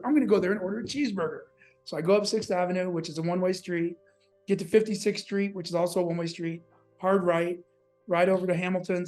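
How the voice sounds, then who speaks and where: A man telling a personal story in an interview, animated and casual, swearing and acting out what people said. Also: high-pitched. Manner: animated, acts out quotes, casual and profane.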